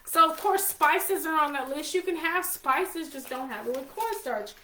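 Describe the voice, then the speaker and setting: A congested woman in her forties, coughing slightly, hosts her own show at a moderate pace, her high voice pushed and bright. Her chatter is casual and full of repeated, restarted phrases. There's slight background noise and a roomy echo.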